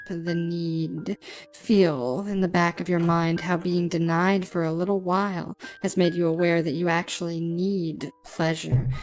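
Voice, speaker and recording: A woman delivering an erotic hypnosis monologue for adults, speaking intimately close in the listener's ear in a commanding, deliberate, repetitive way. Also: lowish voice, darkish tone. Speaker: hypnosis narrator. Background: music.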